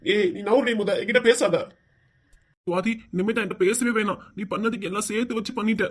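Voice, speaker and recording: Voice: medium pitch, fairly even intonation, brisk, lightly acted. A performer voicing a strict, hot-tempered middle-aged father with a southern Tamil accent, who scolds his wife and weeps. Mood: scolding. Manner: scolding, shouting, then weeping.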